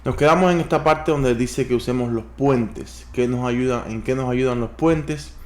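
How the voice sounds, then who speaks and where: A man hosting a daily video where he reads a business book aloud and adds advice. He speaks to his viewers directly and reads the examples slowly and deliberately. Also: medium pitch. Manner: advising, addresses viewers directly. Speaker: host reading a book aloud. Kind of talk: reading aloud with commentary.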